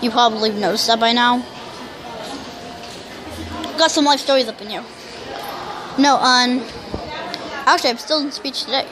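A youngster who can't pronounce R's, saying w instead, rambling loudly through casual gameplay commentary. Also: mid-range voice, normal speed, long pauses, a crowd in the background, noisy background. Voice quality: speech impediment, cannot say R's correctly, says w for r. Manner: rambling, self-described loud talker. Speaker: YouTuber.

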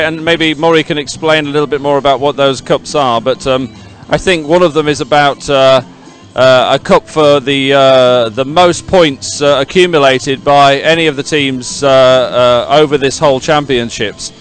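Holding a handheld mic beside a regatta podium, a middle-aged man hosts live at an outdoor sports event in a fairly high, fairly bright voice. He rambles chattily to fill time and repeats himself a lot.

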